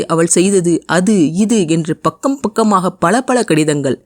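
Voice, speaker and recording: A woman narrating a romance audio novel with an expressive, emotive reading. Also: fairly low pitch, dry recording, clean studio sound. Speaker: storyteller.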